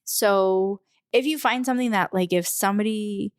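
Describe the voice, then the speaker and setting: A woman in her thirties chats on a podcast in a middle-pitched voice. She wanders from point to point in animated stories. The sound is close and dry. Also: moderate pace, no echo. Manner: chatty, rambling, animated storytelling. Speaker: podcast co-host. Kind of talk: casual chat.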